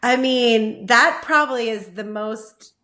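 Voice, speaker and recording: A woman's voice: on the high side, slow, pushed and bright. A woman actor talking as a podcast guest in a casual, gushing way, laughing easily. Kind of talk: casual chat.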